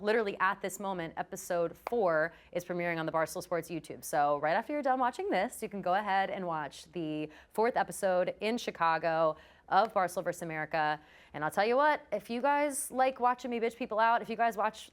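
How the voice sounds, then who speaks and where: A woman hosting a live talk show in casual chat, chatty and quick to swear. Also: fairly low pitch, a bit bright. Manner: chatty, profane, quick asides. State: out of breath.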